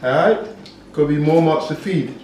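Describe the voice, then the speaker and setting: A man's voice: a little high, measured pace, slight background noise. Jamaican man chatting through a cooking demo. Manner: chatty and relaxed, with Jamaican patois phrases. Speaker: home cook and vlog host. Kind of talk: casual cooking demonstration. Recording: echoey kitchen with background music.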